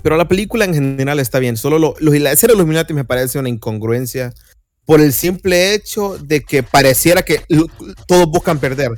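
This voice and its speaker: Fairly high-voiced man explaining at length. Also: a little fast, darkish tone, dry recording, studio quality. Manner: explanatory, argues his points at length. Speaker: podcast co-host. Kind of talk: casual film discussion.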